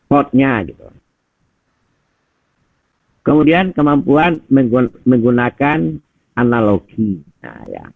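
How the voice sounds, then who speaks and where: A man's voice: medium pitch, very animated, takes it slowly, long pauses, dry recording. A middle-aged man, a teacher trainer, giving conversational feedback over a video call and often asking rhetorical questions. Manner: conversational, addresses listeners as Pak and Bapak Ibu, rhetorical questions. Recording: husky voice over tinny video call audio.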